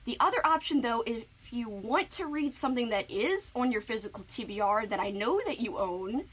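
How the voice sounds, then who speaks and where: A woman's voice: fairly high pitch, animated, moderate pace, breathy edge, poor audio. A woman booktuber giving playful, giggly book recommendations in a casual recorded message.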